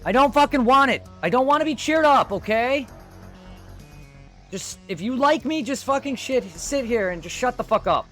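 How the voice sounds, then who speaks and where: A live streamer talks off the cuff to his chat, bluntly and repetitively, swearing at times, with soft music in the background. His voice, normally very quiet, is very high-pitched here and animated, at a moderate pace.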